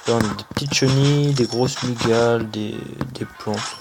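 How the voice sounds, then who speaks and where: This French-accented gaming host talks through his mobile game in a relaxed, hesitant way, dropping plenty of "euh" fillers and never rushing. His voice sits in the mid-range with fairly even intonation. Music plays beneath him, and there's background noise.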